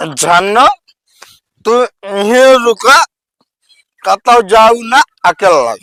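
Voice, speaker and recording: A man's voice: high-pitched, lively intonation, very slow, bright, forceful tone, dry recording, full character voice. A man with an Awadhi accent playing a boastful, quarrelsome village drunk in a comedy sketch, slurring and rambling. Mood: cajoling. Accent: Awadhi, eastern Uttar Pradesh.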